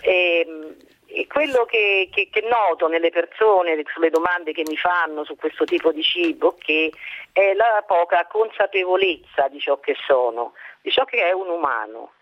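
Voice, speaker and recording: A woman calling in to a radio show on speakerphone, a home cook talking earnestly with halting restarts. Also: on the low side. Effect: on speakerphone over a phone line. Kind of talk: phone-in call to a radio talk show. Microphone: phone on speakerphone. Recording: dull lo-fi phone line.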